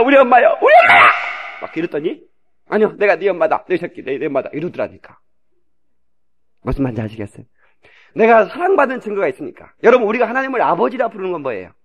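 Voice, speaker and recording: Animated Korean pastor, high lively voice. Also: male voice, highs cut off. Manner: animated preaching, sudden shouts and drops to a hush. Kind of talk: sermon. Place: church sanctuary. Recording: old cassette tape transfer.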